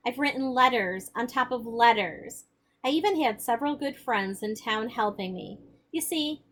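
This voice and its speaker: A woman voicing an excitable old grandfather storekeeper while reading a novel aloud, in loud, eager exclamations. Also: on the high side, heavily acted. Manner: excited exclamations, then serious and explaining.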